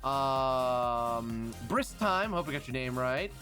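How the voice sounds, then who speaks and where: A man's voice: mid-range voice, lively intonation, slow pace, sharp tone, faint music behind. A man streaming live, chatting casually and reading out thanks to followers.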